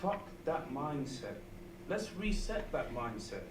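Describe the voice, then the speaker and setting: A man in a one-man stage show playing both parts of a dialogue, here voicing a stern, blunt older mentor with a slow, terse, commanding manner. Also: fairly high pitch, very animated. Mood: stern, demanding. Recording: echoey room from far off, faint noise.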